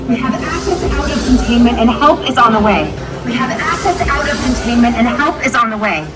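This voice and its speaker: A woman voicing an urgent park emergency announcer, heard through a megaphone-like loudspeaker and giving clipped commands. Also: on the high side, expressive, a little fast, heavy background noise. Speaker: ride safety announcer. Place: outdoor theme park boat ride. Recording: echoey, distant, loud music and crowd.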